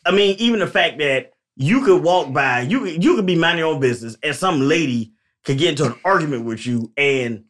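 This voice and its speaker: A man with a fairly high voice talks in a relaxed group conversation. He presses his case with emphasis, often cutting in to hold the floor. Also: brisk. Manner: emphatic, interrupts to argue points. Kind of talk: casual debate chat.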